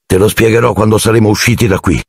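A man voicing a calm, reassuring teenage boy in a storybook reading. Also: lowish voice, fast, creaky, slightly rough, no echo, studio quality, pitched above the performer's own voice.

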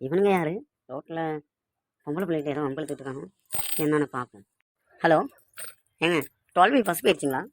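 A woman's voice: deep voice, quick pace, pauses often, a little hiss or hum, voice pushed down, natural voice. A woman voicing a kindly, meek old man who pleads and complains in a cartoon. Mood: curious. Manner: pleading, plaintive. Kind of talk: cartoon voice acting.

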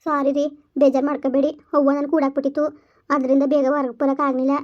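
A woman plays a young village wife who pleads with her husband in a homemade drama. Her voice sits high and fast, with a flat, narrow melody. The recording sounds a little dull and lo-fi. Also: close to an everyday voice. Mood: hurt pleading. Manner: pleading, emotional. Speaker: [name]. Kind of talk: village vlog drama acting.

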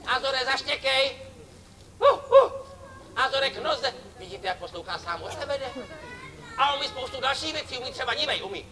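With an extremely high-pitched voice and a Czech accent, this man plays a street clown for kids at an outdoor summer festival. Facing a crowd from the stage, he bantes playfully and teases audience volunteers and children. The lively crowd is audible behind him, along with a little hiss or hum.

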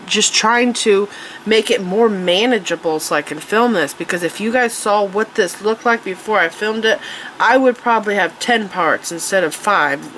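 A mid-range, slightly bright female voice, stuffy and nasal from allergies, chatters enthusiastically as she shows craft supplies, using fillers and restarting sentences. The setting is an indoor tabletop shot from above on her hands, a casual show-and-tell. It's a rough recording with a little hiss or hum.

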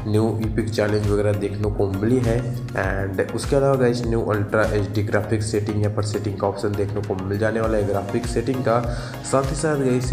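A young man hosting a gaming channel, talking through a game update in a voice-over full of fillers and repeated "guys". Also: lowish voice. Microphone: voice-over over screen recording. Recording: echoey room with faint background music.

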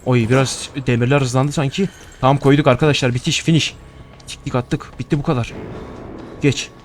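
A young male gaming streamer gives casual horror gameplay commentary, nervous and joking to himself and swearing often as he plays. His voice is mid-range with a steady tone and a fairly quick pace. Slight background noise is present.

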